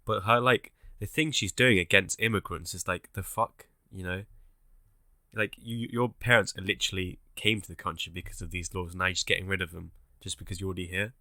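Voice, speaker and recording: A young man hosting a podcast, talking in a rambling, animated way and swearing casually. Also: low voice, a little fast, no echo. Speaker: podcast co-host. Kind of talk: casual chat.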